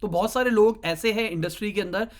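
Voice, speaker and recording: A young man talks casually, giving advice in a clip. He speaks straight to the viewer in a chatty, conversational way, slipping in quick asides as he goes. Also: high-pitched. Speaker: digital marketing YouTuber giving advice.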